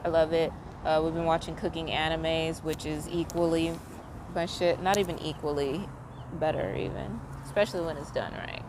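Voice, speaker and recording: A woman's voice: low-pitched, background noise. A tired woman chatting casually to camera in a meandering way, filling her talk with "like". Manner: meandering, heavy use of "like" fillers. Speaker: vlogger. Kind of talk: casual rambling monologue.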